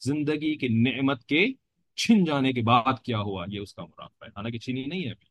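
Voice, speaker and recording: A man's voice: medium pitch, moderate pace, a bit bright, no echo. Dry-voiced man teaching a sermon. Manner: explanatory, repeats phrases, frequent "theek hai" check-ins. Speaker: religious teacher. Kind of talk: Islamic sermon lecture.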